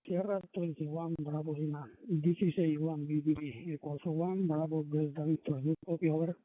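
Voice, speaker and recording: A man's voice: fairly high pitch, steady tone, normal speed. A man on a two-way radio, calling another station with call signs in the phonetic alphabet and closing with "over". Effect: heard over a two-way radio. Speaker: amateur radio operator. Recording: tinny narrow-band radio transmission.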